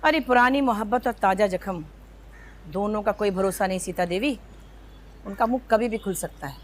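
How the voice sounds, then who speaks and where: An actress playing a scheming, sharp-tongued sister-in-law who mocks and taunts. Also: female voice, medium pitch, normal speed, close to an everyday voice. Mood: taunting. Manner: taunting, mocking. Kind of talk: TV serial acting. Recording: background music score.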